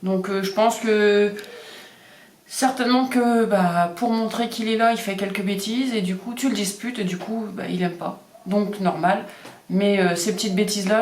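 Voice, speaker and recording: A woman with a medium-pitched voice conducts an informal card reading, faltering with plenty of fillers and repeating the card words. The room echoes, and there's slight background noise.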